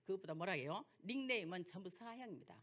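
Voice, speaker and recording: A woman's voice: mid-range voice, lively intonation, fast talker, a bit bright. An older woman pastor with a Jeolla accent, preaching through folksy personal stories and rhetorical questions. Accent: Jeolla dialect. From Jeolla, South Korea. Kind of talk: sermon lecture with personal stories.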